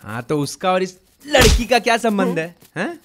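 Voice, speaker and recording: A swaggering local tough in a Hindi film dub, bossy and mocking, speaking Mumbai street Hindi. His voice is high for a man and moves lively up and down. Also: moderate pace, loud music behind the voice. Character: swaggering young male local tough, protective.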